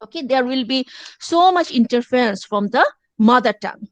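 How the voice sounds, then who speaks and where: A woman's voice: on the high side, lively intonation, very slow, dry recording. A woman lecturer, explaining step by step in a class and mixing in English phrases. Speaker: university lecturer.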